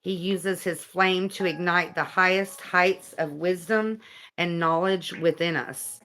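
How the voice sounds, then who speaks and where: A woman giving a casual spiritual card reading, reading aloud in a slow, thoughtful way and second-guessing herself. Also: on the low side, fairly even intonation, a bit bright.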